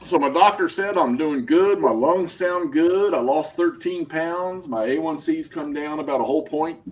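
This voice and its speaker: A man's voice: on the high side, normal speed. A man in his fifties chatting casually with friends, telling long stories and laughing at his own jokes. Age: 50s. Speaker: tabletop gaming group member. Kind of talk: casual chat.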